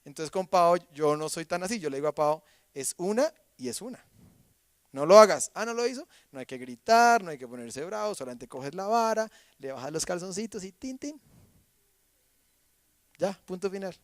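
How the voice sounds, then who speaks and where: Animated preacher man with a high voice. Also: brisk, few pauses, no room sound, studio quality. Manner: animated, swings from loud to hushed; acts out quoted voices. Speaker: pastor. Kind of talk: sermon.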